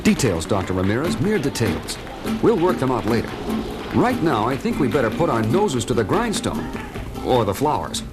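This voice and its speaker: Dramatic old radio show reporter hero. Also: male voice, medium pitch, huge pitch swings, moderate pace. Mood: resolute. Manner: dramatic storytelling delivery. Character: male reporter hero narrating disaster, urgent, decisive. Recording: music under radio drama. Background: dramatic music.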